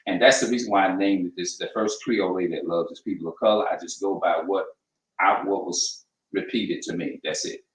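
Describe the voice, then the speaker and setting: Low-voiced New man, rambling. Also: brisk, distant mic. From New Orleans, USA. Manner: rambling, hesitant, many restarts and fillers. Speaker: channel host. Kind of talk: casual vlog talk. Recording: echoey room, voice off-mic.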